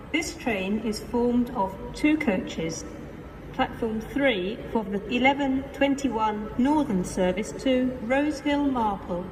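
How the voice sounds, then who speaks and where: Woman, public address announcer, airport-style announcement, unhurried formal listing, slightly high voice, noisy station ambience. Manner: measured, formal, item-by-item listing. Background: train station ambience, vehicles.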